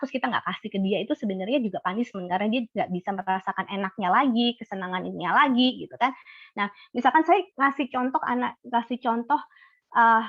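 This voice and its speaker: A woman's voice: a little high, no room sound. A woman doctor with a Javanese accent, explaining parenting in a casual, chatty way with many fillers and restarts. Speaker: doctor and guest speaker. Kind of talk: casual webinar talk. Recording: dry, slightly muffled call audio.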